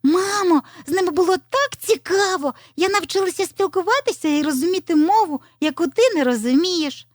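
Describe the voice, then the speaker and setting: A woman voicing a little girl fox cub, eager and curious, with a high, lively childlike voice in a storybook tale. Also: moderate pace, no echo, studio quality. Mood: excited.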